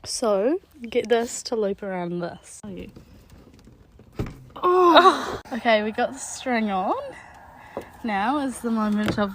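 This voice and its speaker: A woman's voice: fairly high pitch, animated, takes it slowly, long pauses, fairly bright tone, a little hiss or hum. A woman narrating what she is doing step by step in a vlog.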